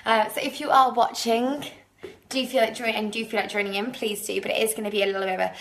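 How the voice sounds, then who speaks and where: A woman's voice: mid-range voice, steady tone, quick pace, fairly bright tone, reverberant. A woman leading a live home workout, chatty and a little out of breath, laughing at her own slips while she demonstrates the moves. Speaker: fitness instructor. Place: living room.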